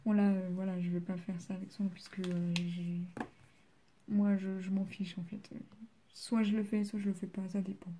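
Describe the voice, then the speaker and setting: A woman's voice: medium pitch, flat delivery, normal speed, mellow, a little hiss or hum. A teenage girl from France doing homework on camera, chatting casually with many fillers and sometimes dropping to a murmur. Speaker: student vlogger. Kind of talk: casual study vlog.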